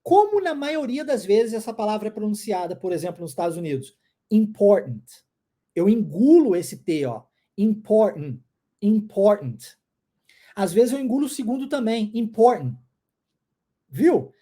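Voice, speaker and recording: A woman with a Minas Gerais Brazilian accent giving a chatty, playful English lesson and drilling words slowly. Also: medium pitch, sing-song, mellow. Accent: Brazilian Portuguese, mineiro (Minas Gerais). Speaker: English teacher. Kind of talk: casual online English lesson.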